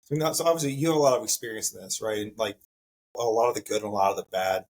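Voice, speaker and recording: Low, husky male host, casual and rambling. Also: racing, rough recording. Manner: conversational, repeats himself, many "like" fillers. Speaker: podcast host. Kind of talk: casual interview talk.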